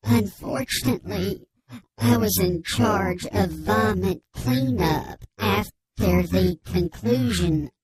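A man playing a grave, anonymous male whistleblower on a radio comedy bit, his voice electronically disguised, giving slow, solemn deadpan testimony. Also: sits high, a loud crowd, poor audio. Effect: disguised voice, electronically altered. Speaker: anonymous informant caller.

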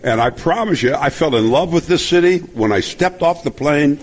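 A man's voice: a little high, lively intonation, normal speed. A man in his seventies from Nebraska, a broadcaster telling rambling stories and laughing often in a casual chat. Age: 70s. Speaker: guest broadcaster.

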